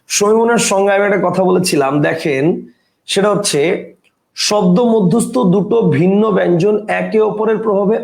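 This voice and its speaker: A man teaching a grammar lesson, explaining step by step and often asking whether the point is clear. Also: high voice, darkish tone, reverberant.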